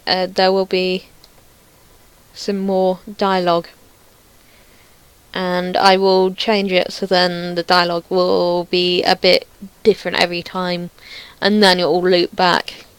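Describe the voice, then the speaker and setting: In a low-quality recording, a woman with a lowish, clean-toned voice rambles casually over a screen demo of her own project, thinking aloud and poking fun at herself. There's no room sound.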